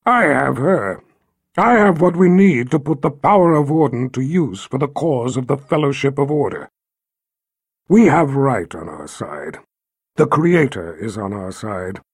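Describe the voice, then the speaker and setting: A man voicing a brooding, jealous tyrant emperor with a deep rumbling voice, speaking slowly and menacingly. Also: lively intonation, husky, dry recording, clean studio sound. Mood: grim. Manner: slow, low and menacing.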